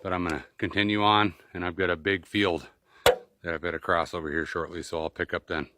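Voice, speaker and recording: Deep-voiced man trudging through snow, winded. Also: fairly even intonation, a little fast, bright, forceful tone, slight background noise. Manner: talking in short bursts while trudging through snow on snowshoes. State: winded from exertion. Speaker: outdoor vlogger. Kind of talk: casual vlog narration while walking. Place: outdoors in snowy woods and fields.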